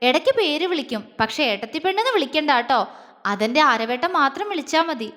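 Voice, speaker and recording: A woman's voice: high voice, expressive, fast talker, a bit bright, big-room sound. A woman voicing a shy, innocent young woman who speaks sweetly and a bit playfully, in a story reading.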